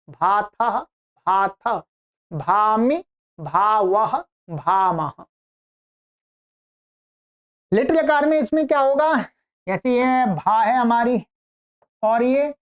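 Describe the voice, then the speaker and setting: Woman grammar teacher, smooth resonant voice, unhurried drill recitation. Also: fairly high pitch, dull audio. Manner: chants verb forms in slow measured lists, quickens for explanations.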